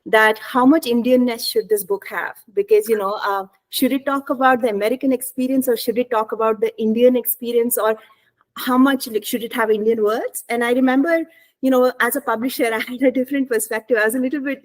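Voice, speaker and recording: A woman moderating an online author panel over a video call, her voice sitting a touch high. She talks casually, stringing questions together with plenty of likes and you knows. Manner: casual, filler-heavy questioning. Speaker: panel host and publisher.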